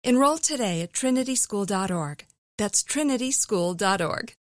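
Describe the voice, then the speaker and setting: A woman giving a smooth, upbeat scripted ad read. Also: mid-range voice, expressive, normal speed, dry recording, clean studio sound. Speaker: ad narrator.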